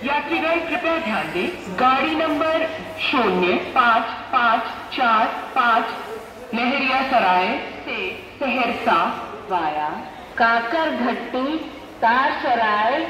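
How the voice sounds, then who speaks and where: A woman giving an automated train announcement over a station loudspeaker, in slow, measured phrases. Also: on the high side, expressive. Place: railway station platform. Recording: echoey loudspeaker in a large station hall, heard from far off, with noise.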